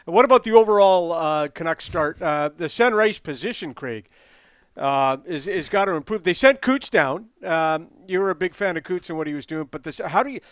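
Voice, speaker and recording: A man's voice: a little high, expressive, fairly quick, clear, resonant tone, dry recording, clean studio sound. A man co-hosting sports radio, asking long rambling questions. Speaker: radio co-host.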